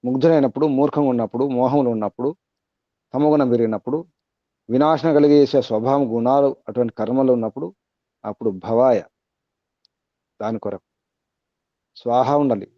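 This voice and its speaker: A man giving a spiritual discourse. He chants verse words slowly, then explains them in measured, repetitive phrases. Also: mid-range voice, steady tone, no echo, highs cut off. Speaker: Vedic teacher.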